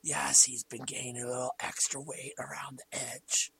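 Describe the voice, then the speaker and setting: A man voicing an ancient, touchy undead king from a fantasy game, in a breathy, wheezing rasp. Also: medium pitch, level tone, normal speed, pushed and bright, slight background noise. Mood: defensive. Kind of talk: comic fantasy game impression.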